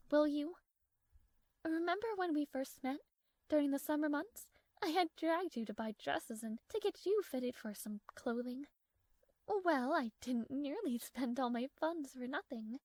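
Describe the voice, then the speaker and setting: A woman plays a tsundere princess in a romantic audio roleplay, using a high, girlish voice recorded dry and close to the ear with no room sound. Haughty and formal, guarded but fond, and easily flustered, she addresses the listener. Her mood shifts from flustered and imperious to composed and matter-of-fact.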